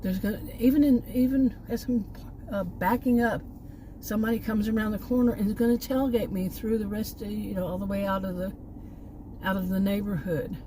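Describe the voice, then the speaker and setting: Talking a little fast with fairly even intonation, a middle-aged Texas vlogger wanders through casual conversation near a park, losing her thread and circling back. Her voice is mid-range, and there's background noise.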